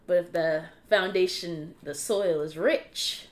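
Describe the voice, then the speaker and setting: A woman guest in a casual faith chat, speaking in a relaxed, affirming way and thinking aloud. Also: on the low side, slow pace. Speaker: podcast guest.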